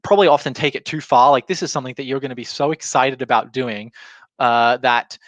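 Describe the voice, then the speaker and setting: Fairly quick and steady in tone, a man with a mid-range voice explains things informally in his role as a business trainer. He talks conversationally, illustrating points with imagined quotes, while an alarm sounds. There's no echo.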